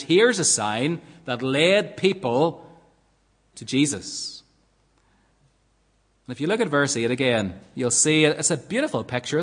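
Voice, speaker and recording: A man's voice: on the high side, fairly bright tone. A man preaching a sermon in an earnest, emphatic way, often asking rhetorical questions. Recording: long reverb of a large hall.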